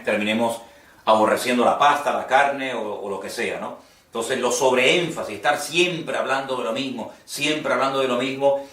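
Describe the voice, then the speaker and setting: A man's voice: medium pitch, a bit bright. A man, a pastor teaching a class on preaching in an earnest, conversational manner that repeats its points. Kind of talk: homiletics class lecture. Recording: echoey room, voice from a distance.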